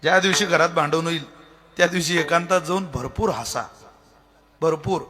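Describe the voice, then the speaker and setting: A man preaching a devotional kirtan sermon in a lively, humorous manner, talking straight to the crowd. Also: on the high side, brisk. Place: festival pavilion. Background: faint tabla and instruments.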